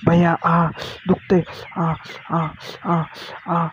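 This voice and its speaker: A man's voice: fairly high pitch, completely flat delivery, extremely slow. A man putting on a breathless young woman. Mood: pleading. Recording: lo-fi with clear background noise.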